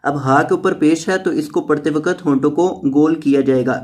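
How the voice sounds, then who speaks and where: Fairly high-pitched man teaching tajweed. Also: a little mellow. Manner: patient, repeats each word slowly, then explains quickly. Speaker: Quran teacher. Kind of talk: word-by-word tajweed lesson.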